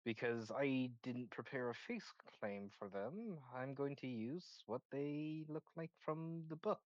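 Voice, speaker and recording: Halting game master on a dull line. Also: male voice, medium pitch, expressive, no room sound. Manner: halting, restarts sentences while recapping. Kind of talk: running an online tabletop game.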